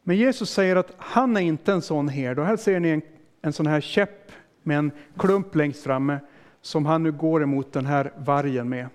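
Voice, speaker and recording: A man with a fairly high voice preaches a sermon as a pastor. He talks in a plain, explaining way, putting questions to his listeners and leaving everyday fillers and restarts in his speech.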